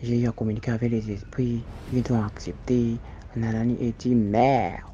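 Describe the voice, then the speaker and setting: A man with a Cameroonian French accent recounts a story in a casual, halting way, full of restarts and fillers. His voice is dark and mellow. The recording sounds dull and lo-fi, with a faint hiss behind it. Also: medium pitch, flat delivery. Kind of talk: casual first-person storytelling. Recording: dull lo-fi audio with faint noise.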